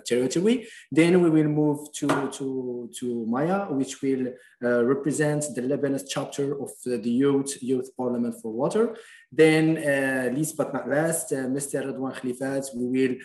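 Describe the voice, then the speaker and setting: Moroccan man, mid-pitched, moderating a video-call panel with stop-start phrasing in a roomy, echoing space. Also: a little mellow. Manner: halting, many restarts and fillers.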